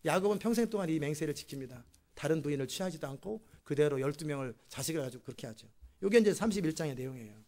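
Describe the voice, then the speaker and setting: Male pastor preaching in a church, lively storytelling, voice on the higher side. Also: racing. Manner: animated storytelling, chatty asides to the congregation. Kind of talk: sermon. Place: church sanctuary.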